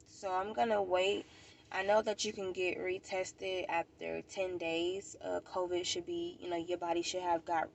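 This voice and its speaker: Her voice is on the low side and carries vocal fry as this American woman, nose stuffed up, rambles casually to the camera. She's outdoors at a park, repeating herself in an informal vlog chat.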